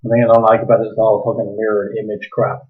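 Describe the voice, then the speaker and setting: A young Irish man with a fairly low voice gives a casual, rambling review while a bit drunk. He swears freely, backtracks often and keeps his volume down late at night. The webcam audio from his kitchen is dull and lo-fi. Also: monotone, quick pace. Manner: rambling, sweary, self-correcting, keeping his voice down. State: slightly drunk. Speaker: manga reviewer. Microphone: webcam microphone.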